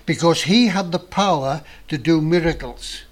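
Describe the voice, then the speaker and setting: Earnest preaching man, higher voice. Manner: earnest, emphatic preaching with dramatic pauses. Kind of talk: sermon.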